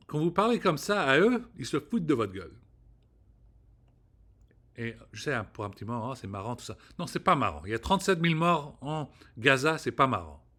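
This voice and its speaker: A vlogger delivers a casual, rambling rant straight to camera, full of profanity and frequent restarts. His voice sits in the mid range with a slightly bright quality.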